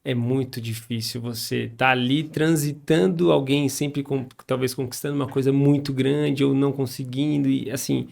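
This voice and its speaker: Brazilian male host, São Paulo accent, gravelly voice, relaxed reflective delivery. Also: mid-range voice, moderate pace, few pauses. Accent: Brazilian Portuguese, São Paulo area. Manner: relaxed, reflective, thinks aloud with fillers. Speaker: podcast host. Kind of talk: conversational podcast interview.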